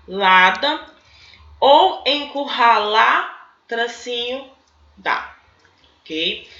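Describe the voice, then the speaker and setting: Slow, bright-voiced woman teacher. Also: medium pitch. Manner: slow and deliberate, breaking words into syllables. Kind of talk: recorded lesson working through textbook exercises. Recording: dull, echoey room recording.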